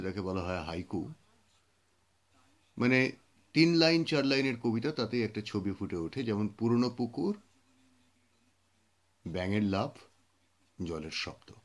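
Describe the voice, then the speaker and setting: A man reading and talking about poetry, telling the story behind the poems in an unhurried way with thoughtful pauses. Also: fairly low pitch. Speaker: poetry reader and speaker. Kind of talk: reflective spoken commentary on poetry.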